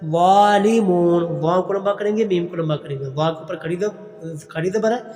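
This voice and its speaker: A man teaching Quran recitation online. He chants each verse slowly and drawn out, then explains the pronunciation rules quickly and more softly. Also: high voice. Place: online class recording. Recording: long reverb with faint music.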